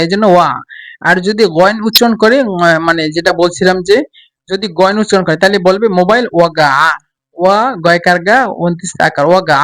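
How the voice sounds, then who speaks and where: A man with a high voice teaches phrases one at a time, repeating each slowly before he explains it with small filler sounds. He sits a little away from the microphone, so his voice sounds slightly distant. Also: a bit bright. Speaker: Arabic teacher. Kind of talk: spoken language lesson.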